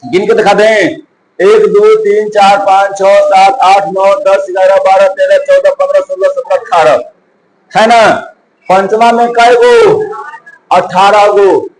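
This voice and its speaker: A man's voice: high-pitched, fairly even intonation, slow, poor audio. A male coaching teacher, giving a chemistry lesson, asking and answering his own questions and counting aloud.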